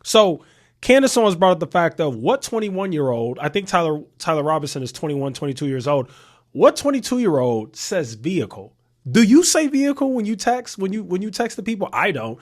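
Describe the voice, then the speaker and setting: A thirty-year-old man talks straight to his audience in a casual commentary, leaning on rhetorical questions and repeating key points for emphasis. His voice sits a little higher than most men's. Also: sing-song, a little fast. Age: 30s. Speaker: commentary channel host.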